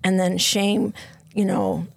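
Woman, therapist guest, earnest and steady, mid pitch, dry studio sound. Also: slow, vocal fry, no echo. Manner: earnest, explains steadily, drops to soft whispers when quoting inner voices. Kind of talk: conversational podcast explanation.

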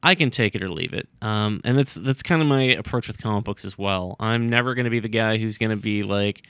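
A man's voice: fairly low pitch, a little fast, fairly bright tone, clean tone, no echo. A man guesting on a casual podcast, rambling with many ums and likes and now and then slipping into silly voices.

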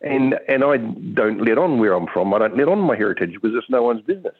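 A tinny, narrow phone line carries a man calling in to talk radio. He airs his opinions casually at a middling pitch, in halting but emphatic phrases. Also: expressive, husky, no room sound. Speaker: phone-in caller. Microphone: telephone.

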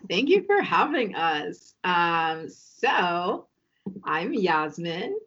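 Low husky woman from maryland, rambly casual chat, kinda lo-fi audio. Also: sing-song, very slow, fairly bright tone. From Maryland, USA. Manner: chatty, thinks aloud with many fillers. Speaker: podcast guest.

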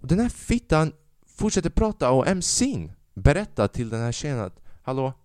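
A young man, a comedian, telling a story in a profane, animated casual rant, dropping in English phrases. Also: on the high side, no echo, clean studio sound.

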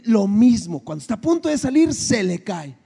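A male pastor with a Mexican accent telling a folksy story in his sermon, lively and animated. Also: high voice, moderate pace, vocal fry, slightly rough. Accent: Mexican Spanish. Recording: echoey hall reverb.

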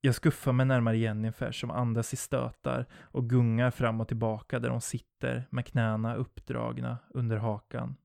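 A man narrating a first-person horror story in a low, steady storytelling voice. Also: gravelly, few pauses, smooth, no room sound, studio quality.

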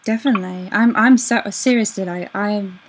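A woman interviewer talking in a chatty, gushing way that is quick to laugh. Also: mid-range voice, heavy background noise. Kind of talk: casual interview chat.

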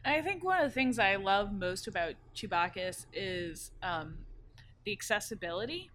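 A woman's voice: mid-range voice, normal speed, a little hiss or hum. A woman, a parade group member chatting enthusiastically on a panel. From New Orleans. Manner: enthusiastic, bursts into excited exclamations. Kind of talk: casual panel chat.

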